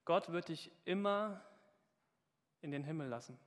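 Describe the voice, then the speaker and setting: Male preacher, fairly high voice, earnest and searching, sermon echoing in a big church. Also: unhurried. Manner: earnest, questioning, speaks straight to the congregation. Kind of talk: sermon with Bible reading.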